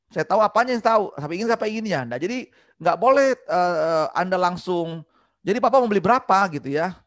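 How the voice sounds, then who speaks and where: A man giving an online business communication training, energetic and acting out customer replies. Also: high voice, no room sound, studio quality.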